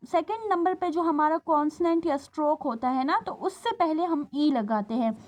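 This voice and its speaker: High-voiced woman teaching shorthand. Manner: patient, checks understanding often, stretches out sounds. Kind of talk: classroom lesson.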